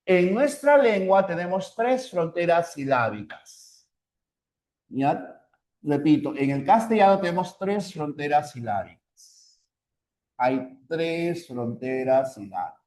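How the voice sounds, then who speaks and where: Male teacher, methodical and patient, a bit high-pitched, roomy echo. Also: lively intonation, slow, a little mellow. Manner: repeats points with tag questions, patient and methodical. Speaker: language teacher. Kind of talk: online class lecture.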